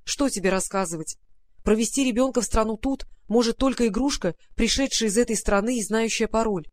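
A woman reading an audiobook, voicing a calm, earnest male fairy-tale friend who explains a worrying trouble. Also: fairly high pitch, fairly quick, lightly acted.

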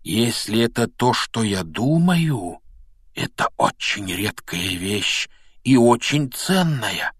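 A man voicing an excitable, easily awed boy wizard in a storybook reading, with high, breathless exclamations. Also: normal speed, dry recording, studio quality, close to an everyday voice. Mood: awed hush.

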